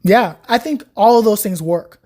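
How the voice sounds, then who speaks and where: Learning Chinese is the topic as a young woman talks casually on a podcast where she's the guest. Her mid-range voice holds a normal speed, and her animated, chatty storytelling is full of "like".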